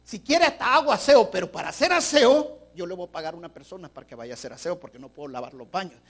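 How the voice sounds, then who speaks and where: A man preaching who acts out a proud churchgoer, talking smugly and quickly. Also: high voice, expressive, a bit bright. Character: proud churchgoing man avoiding lowly work.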